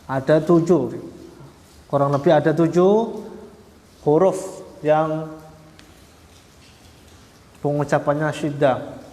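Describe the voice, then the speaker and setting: A man teaching Arabic letter pronunciation, slowly and patiently, repeating each point and sounding out the letters syllable by syllable. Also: a little high. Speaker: Quran recitation teacher. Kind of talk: religious lesson. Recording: echoey hall, roomy reverb.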